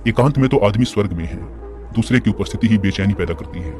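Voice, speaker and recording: A man voicing a calm, wise older spiritual teacher, speaking in a slow, measured preaching tone. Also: lowish voice, close to an everyday voice. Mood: serene. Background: music.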